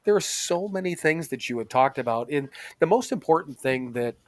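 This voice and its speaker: A man's voice: fairly high pitch, expressive, fairly quick, no echo. Rambling, profane male podcast host. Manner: rambling, loose and profane, with restarts and laughs. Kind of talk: casual chat.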